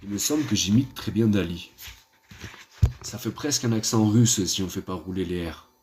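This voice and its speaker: A man's voice: on the low side, normal speed, darkish tone, a little hiss or hum. A man chatting casually on a live stream in a playful, rambling manner, teasing his viewers.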